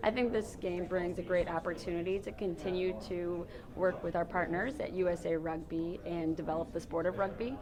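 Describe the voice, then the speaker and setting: Female sports commission rep, low and level, crowd noise behind. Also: steady tone, a little fast, hardly any pauses. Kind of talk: press event interview. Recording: busy crowd chatter behind.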